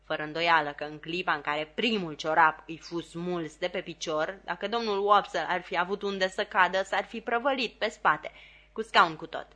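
A woman narrates a novel in calm, steady audiobook style. Her voice sits somewhat low for a woman. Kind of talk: scripted narration.

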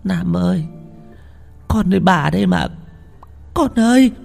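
A frail, frightened old grandmother cries out in a high, shaking, pleading voice, as a male narrator puts her on. The tone is husky and strained. Faint music plays underneath. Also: lively intonation, unhurried, a little mellow, exaggerated voice. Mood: tearful pleading.

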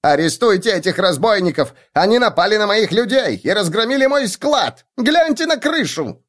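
Shrill, panicky male halfling voiced by a man; high and whining. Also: big pitch swings, normal speed. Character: shrill frantic male halfling thief boss.

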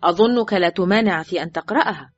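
A woman reading an audiobook voices a man, a teasing and mocking friend who needles loudly and sounds incredulous. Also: fairly low pitch, fast talker, no echo, lightly acted. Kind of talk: audiobook character voice. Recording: dull, dry recording with faint music.

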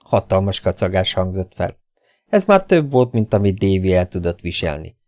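A man narrating an audiobook in a steady, plain storytelling manner. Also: low voice, no room sound, studio quality. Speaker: audiobook reader.

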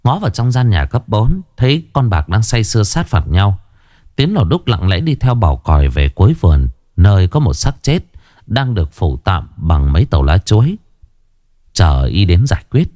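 Expressive man telling a story. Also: on the low side, normal speed, no room sound, studio quality. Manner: expressive, animated delivery. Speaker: narrator. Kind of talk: storytelling narration of a crime tale.

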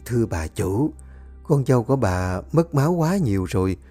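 A storyteller voicing a humble, calm older village midwife speaking softly and respectfully. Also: medium pitch, moderate pace, soft background music. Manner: soft, respectful, subdued.

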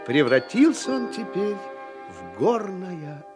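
A man narrating a fairy tale in a studio audio play, measured and lilting. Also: high voice, wildly swooping pitch, music in the background.

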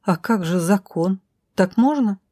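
A woman's voice: mid-range voice, animated, a little slow, mellow, no room sound, clean studio sound. A woman playing a desperate young heroine who pleads in a raised, tearful voice in an audiobook.

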